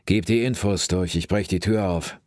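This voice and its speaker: A man voicing a gruff, tired male police officer who grumbles curses and barks orders. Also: low voice, normal speed, darkish tone, dry recording, studio quality, pitched above the performer's own voice, close to an everyday voice. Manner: cursing, grumbling, commanding.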